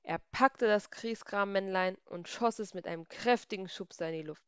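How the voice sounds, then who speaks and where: A woman reading a children's story aloud, slow and expressive, with emphatic stresses. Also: mid-range voice, smooth, dry recording. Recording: slightly dull, dry recording.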